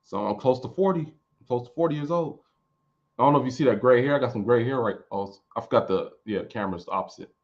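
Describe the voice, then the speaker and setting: Speaking fast at a medium pitch, a man in his late thirties comes through on a muffled recording. As a music producer answering viewers in a casual live chat, he rambles loosely and keeps restarting.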